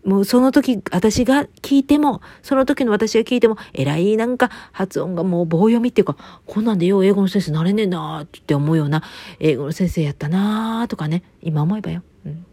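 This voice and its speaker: A woman's voice: mid-range voice, a little fast, warm tone, no echo. A woman with a Kansai accent rambling in a casual solo monologue, chatty and joking, with lots of fillers and asides. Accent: Kansai Japanese.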